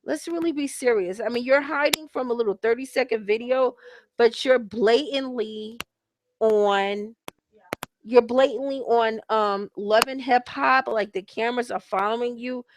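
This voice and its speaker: A woman's voice: a little high, a little slow. A woman hosting her own broadcast, recapping a reality show in casual, profane commentary and lecturing her listeners directly. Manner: blunt, profane, heavy use of slang. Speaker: host reviewing a reality show. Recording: hissy home recording.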